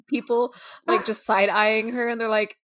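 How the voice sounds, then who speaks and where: A woman with a fairly high, bright voice co-hosts a casual book discussion. She giggles often and acts out characters' lines as she talks. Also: little pitch movement, normal speed. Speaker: podcast co-host. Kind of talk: casual book club chat.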